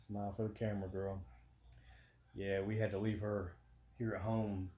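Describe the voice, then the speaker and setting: A lowish, dark-toned male voice with little pitch movement and a moderate pace delivers a vlog update on recovering from surgery. Speaking casually and plainly to camera from inside his home, he's captured with roomy echo and faint background noise.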